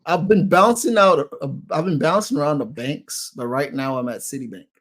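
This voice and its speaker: A man in his thirties from Cameroon, a guest in a casual interview chat, upbeat and quick to laugh. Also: on the high side, fairly bright tone. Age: 30s.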